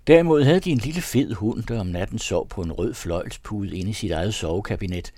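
A man narrating a literary story in a measured, ornate audiobook reading. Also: lowish voice, lively intonation, mellow, no room sound, studio quality.

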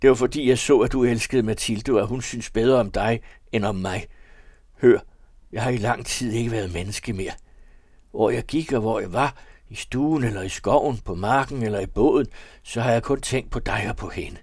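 A man's voice: mid-range voice, a little mellow, slightly rough, dry recording, studio quality, pitched above the performer's own voice, close to an everyday voice. A man voicing a desperate, remorseful young man who pleads in a raised voice while reading a novel aloud. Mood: pleading.

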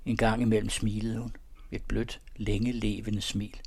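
Low, husky male storyteller. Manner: calm, measured and softly expressive. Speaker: narrator. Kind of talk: storybook reading. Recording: dry close recording.

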